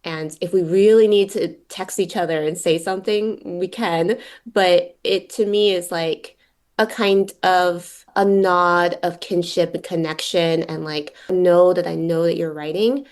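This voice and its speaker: A woman with a slightly low-pitched voice speaks as a poet being interviewed. She is informal and reflective, working out her thoughts aloud in a conversational way. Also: fairly even intonation, a little slow, darkish tone.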